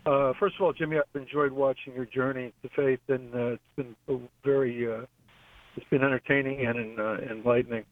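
A man calling in to a radio show over a buzzy, glitchy phone line that cuts out. He speaks haltingly, often losing his thread and starting over. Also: medium pitch, fairly even intonation, no room sound. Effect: buzzy, glitchy phone call audio that cuts out. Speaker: caller. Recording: tinny dry phone line.

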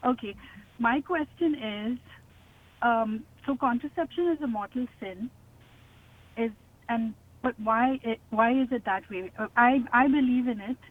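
A woman's voice: on the high side, a little slow. A woman caller phoning in from her car, asking a question hesitantly and stumbling over her words, heard through a clipped phone line. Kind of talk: radio call-in question. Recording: tinny phone line from a car, faint noise.

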